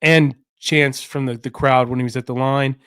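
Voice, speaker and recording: A man's voice: mid-range voice, steady tone, normal speed, a bit bright, clean tone, no echo. Rambling man on a dry close mic. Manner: rambling, filler-heavy, frequent restarts. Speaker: sports podcast host. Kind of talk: casual solo sports talk.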